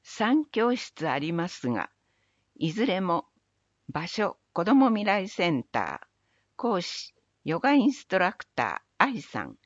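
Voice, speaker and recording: Woman announcer, low voice, unhurried reads of public notices, lively intonation; dull dry recording. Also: dry recording. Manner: measured, even recital of dates and phone numbers. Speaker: city announcer. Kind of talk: scripted public announcement reading.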